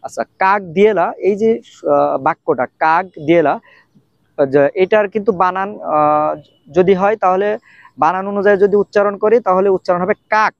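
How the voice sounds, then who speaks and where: High-voiced man teaching a language lesson. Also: no room sound, lo-fi sound. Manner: explanatory, repeats words slowly with many fillers. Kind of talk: casual video lesson. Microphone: camera facing speaker.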